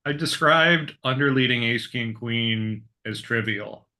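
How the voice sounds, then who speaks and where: A man's voice: medium pitch, unhurried, sharp tone. A man commentating live bridge with a dry, sarcastic manner.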